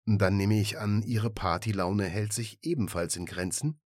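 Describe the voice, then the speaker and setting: A businesslike woman travel agent, as a male narrator puts her on, runs through her questions politely, with a slightly patronizing lift. The voice sits a little above a low male reading voice, and the recording is dry and close. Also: measured pace, darkish tone, dry recording. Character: brisk professional woman travel agent on the phone. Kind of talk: audiobook reading.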